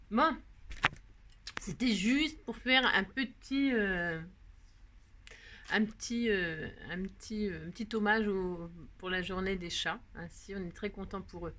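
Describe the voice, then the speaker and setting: A middle-aged woman with a medium-pitched, slightly bright voice chats through a crafting tutorial while she works. She talks to herself and her viewers with many fillers, over a little hiss or hum.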